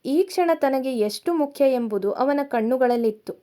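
Calm woman storyteller, fairly high voice. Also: moderate pace. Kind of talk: scripted romance narration.

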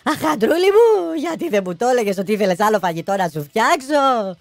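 A man voicing a widow crying out at her husband's funeral, in a shrill, drawn-out lament. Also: big pitch swings, creaky, no echo, exaggerated voice. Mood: wailing. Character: wailing widow at a funeral, woman.

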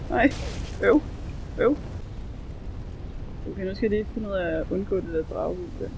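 A woman giving excitable let's play commentary, swearing and shrieking as she plays. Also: fairly low pitch, noisy background. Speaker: gamer.

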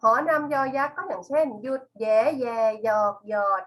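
A middle-aged woman teacher giving a patient, slow classroom lesson, spelling out one example word after another. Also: high voice, animated, fairly bright tone.

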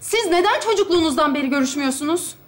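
A bewildered girlfriend who can't work out what is going on. Her voice is high and her questions come quickly and anxiously. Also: lively intonation. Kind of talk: live sketch comedy acting.

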